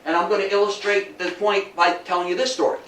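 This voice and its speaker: This local history lecturer from Athens, New York, speaks in a high-pitched, level, fairly quick and slightly bright voice. He tells stories emphatically to a small audience indoors, repeating himself and asking rhetorical questions, recorded on a distant mic in an echoey room with faint noise.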